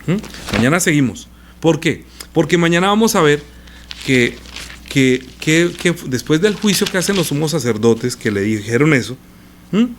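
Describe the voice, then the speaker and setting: A man preaching a conversational Bible lesson, animated and asking the congregation rhetorical questions. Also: fairly high pitch, normal speed, slight background noise.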